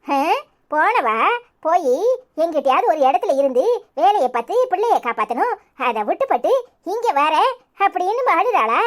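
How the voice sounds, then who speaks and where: A woman voicing a sharp-tongued, dramatic middle-aged aunt in a cartoon, scolding loudly over the phone in a Tirunelveli accent. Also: very animated, normal speed. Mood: taunting. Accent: Tirunelveli Tamil. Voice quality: high, shrill. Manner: nagging, shouting at the phone.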